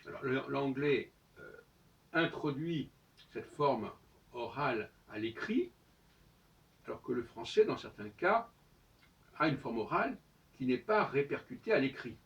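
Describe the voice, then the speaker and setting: A man's voice: medium pitch, expressive, measured pace, creaky, pauses often, fairly bright tone. A man giving a solo spoken monologue as host, lecturing with emphatic rhetorical questions. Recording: distant, dull lo-fi sound.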